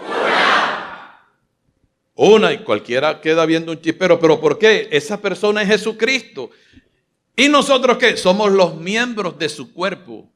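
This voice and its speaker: A faint crowd can be heard as a pastor with a high-pitched, expressive, somewhat bright voice preaches a live Sunday sermon from the church stage at normal speed. Emphatic and rousing, he calls out questions for the congregation to answer, filmed via a stage mic.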